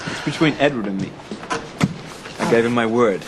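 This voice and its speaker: An actor playing a smooth, self-assured businessman in a soap opera, talking with a wry edge. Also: medium pitch, normal speed, noisy background, natural voice.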